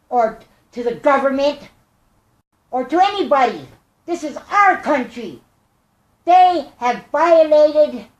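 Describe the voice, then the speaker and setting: An older woman with a squeaky, chipmunk-like helium voice, speaking earnestly and haltingly in a rambling personal monologue. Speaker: vlogger. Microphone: tablet microphone. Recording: echoey room.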